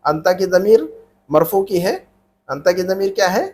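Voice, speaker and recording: A man's voice: high-pitched, moderate pace, darkish tone, slight background noise. A man teaching an Arabic grammar class, patiently repeating questions and prompting students to answer back. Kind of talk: classroom grammar lesson with call-and-response drilling.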